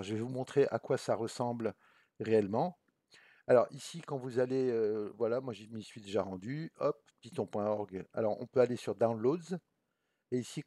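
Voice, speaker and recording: A man's voice: medium pitch, dark tone, no echo. A man teaching a programming lesson over a screencast, explaining step by step in a casual way with many fillers and restarts.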